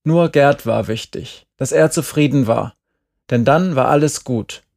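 A man's voice: medium pitch, a little slow, vocal fry. A man reading a cold, blunt teenage girl. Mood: bitter. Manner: flat, cutting delivery. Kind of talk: audiobook character reading.

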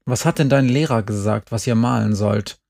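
A man voicing a fair-minded mother in a storybook reading, calm and reasoning. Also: mid-range voice, normal speed, vocal fry, no room sound, studio quality. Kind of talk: scripted narration.

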